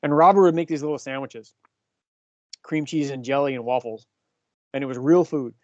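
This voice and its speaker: A man's voice: mid-range voice, fairly even intonation, normal speed, no echo, highs cut off. Chatty fifty-year-old male cycling coach. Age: 50s. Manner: chatty, explanatory, asks the group questions. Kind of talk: casual team talk.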